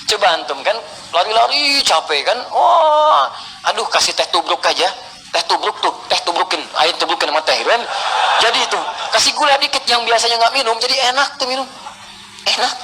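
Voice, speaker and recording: Lively bright-voiced preacher man. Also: sits high, fast talker, slight background noise, low-quality recording. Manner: lively, plays out little scenes, chuckles. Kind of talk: sermon Q&A answer.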